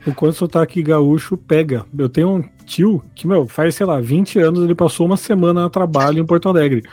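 Mellow man with wry anecdotes. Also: fairly high pitch, a little fast, slightly rough. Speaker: podcast participant. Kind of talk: casual group chat.

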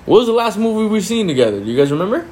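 A man's voice: sits high, big pitch swings, a little mellow, a little hiss or hum. A man chatting casually at home with his kids, playful and teasing, often cutting in. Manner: playful, teasing, quick to interrupt. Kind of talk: casual family chat. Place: at home indoors.

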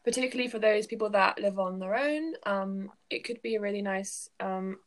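Earnest, soft-spoken young woman podcaster. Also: medium pitch, moderate pace. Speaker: podcast co-host. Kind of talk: casual chat.

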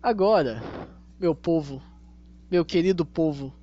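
A Brazilian man hosting a casual monologue to his listeners, speaking with a tongue-tied, slushy s and deliberate, repetitive phrasing. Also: fairly high pitch, dark tone. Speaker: podcast host. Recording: dull lo-fi audio, faint hum.

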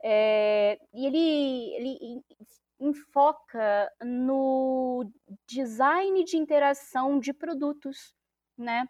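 A woman with a fairly high voice explains things as a podcast guest. She lists her points patiently, pausing on small fillers, and the recording is dry and close. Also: darkish tone, no room sound. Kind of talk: casual podcast conversation.

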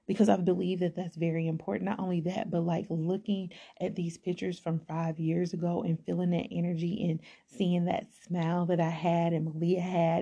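Gravelly, dark-voiced woman hosting a podcast. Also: fairly low pitch. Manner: candid and conversational, with frequent fillers. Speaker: podcast host. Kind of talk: reflective solo podcast monologue.

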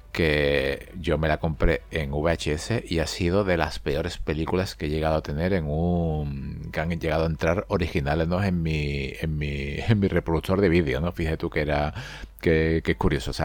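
Deep-voiced guy cohosting a movie podcast, dry close mic, lots of ums. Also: moderate pace, dry recording. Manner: relaxed, recalls details with many fillers. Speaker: podcast co-host. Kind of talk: casual film podcast chat.

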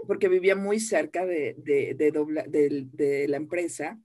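An older woman with a fairly low-pitched voice. She reminisces in an interview as a dubbing director and voice actress. Her storytelling is lively and self-deprecating. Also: unhurried.

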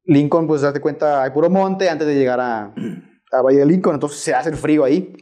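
A young man telling a story on a podcast, slangy and animated, dropping "güey" constantly. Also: fairly high pitch, a little fast. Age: young adult. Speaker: rideshare driver guest.

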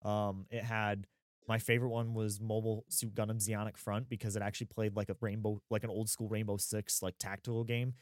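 A man's voice: lowish voice, little pitch movement, a little fast, no room sound. Guy in his 30s rambling about games on a podcast, lots of ums, dry close mic. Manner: rambling, lots of fillers and laughs. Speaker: podcast co-host. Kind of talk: casual chat.

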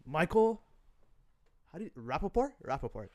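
A man's voice: on the high side, sing-song, moderate pace. A man co-hosting a podcast, bantering casually in slang, emphatic and repeating himself. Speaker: podcast co-host.

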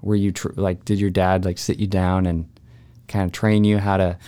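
A man hosting a podcast interview, asking quick follow-up questions in a playful, joking way. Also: low voice, flat delivery, warm tone, clear, resonant tone. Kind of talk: casual conversational interview.

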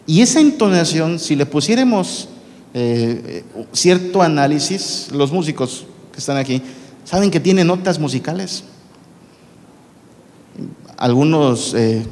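A man's voice: medium pitch, a little mellow. A man preaching a sermon to a congregation in a conversational way, asking them questions as he talks. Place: large church hall. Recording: long reverb from a large hall.

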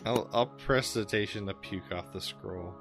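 Low-voiced guy cracking jokes at a tabletop game, stumbles over words, faint music in back. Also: normal speed, fairly bright tone. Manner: joking, sweary, stammering. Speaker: player. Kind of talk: casual tabletop play.

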